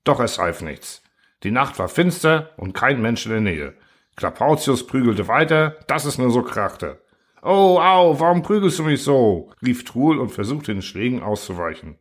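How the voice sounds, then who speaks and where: A man narrating a story aloud, his voice moving lively up and down. His pitch sits in a middle range, and he tells it with animated energy. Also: moderate pace, slightly rough. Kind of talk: scripted narration.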